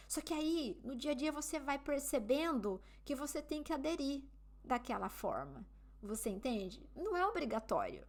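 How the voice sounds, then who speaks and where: A Brazilian woman with a Brazilian Portuguese accent speaks casually to her vlog audience. Her voice sits a little on the high side, and her talk is chatty, with frequent little questions to keep the viewer with her. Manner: chatty, often asks the viewer "né?" and "entende?". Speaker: vlogger living abroad. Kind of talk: casual advice talk to camera.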